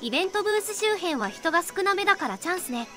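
A woman's voice: very high-pitched, sing-song, quick pace. A synthetic female text-to-speech voice playing a poised, girlish anime character who explains things tidily in scripted vlog narration. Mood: composed. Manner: tidy, ladylike explaining. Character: poised pink-haired anime girl, calm explainer. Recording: music behind the voice.

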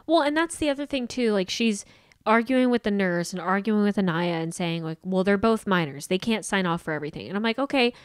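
Animated and fairly quick, a woman co-hosting a podcast talks bluntly and swears, voicing other people's lines as she gives her opinions. Her medium-pitched voice is clear and resonant, picked up close by a boom-arm mic in a small studio without echo.

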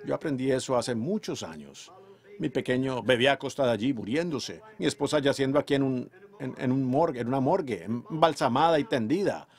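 A man preaching a sermon, emphatic, moving between loud declarations and hushed storytelling. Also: mid-range voice, expressive, brisk. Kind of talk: fervent sermon delivery.

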